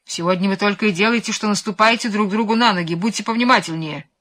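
A bossy, gruff lemon soldier from a children's storybook, a prison drummer who barks orders, as a woman reading aloud puts him on. He snaps and grumbles, full of petty self-importance. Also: medium pitch, quick pace, fairly bright tone, close to an everyday voice. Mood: grumbling.

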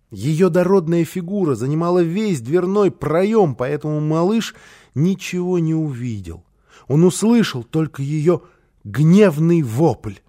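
A man narrating a children's storybook with an expressive, animated reading. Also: on the high side. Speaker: audiobook reader.

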